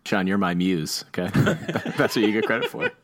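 A man's voice: fairly low pitch, huge pitch swings, normal speed, crowd noise. A man co-hosting a podcast, chatting casually with dry, teasing humor. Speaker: podcast co-host. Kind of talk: casual chat.

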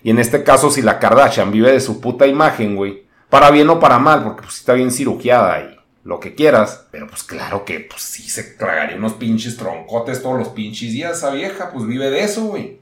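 Profane Mexican podcast host, roomy sound. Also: male voice, medium pitch, animated, brisk, hardly any pauses, a bit bright. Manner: profane, slangy, irreverent. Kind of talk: casual comedic monologue. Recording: roomy echo.

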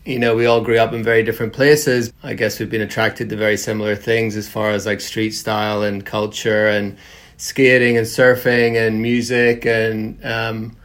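A man in his thirties from Northern Ireland leading a casual podcast chat, relaxed and full of fillers. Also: lowish voice, normal speed. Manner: relaxed, lots of fillers and hedges. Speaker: podcast conversation lead.

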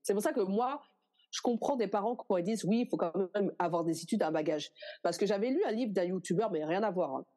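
A young woman, an actress being interviewed, chatting casually and telling lively stories in which she acts out what other people said. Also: medium pitch, quick pace. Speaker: actress guest.

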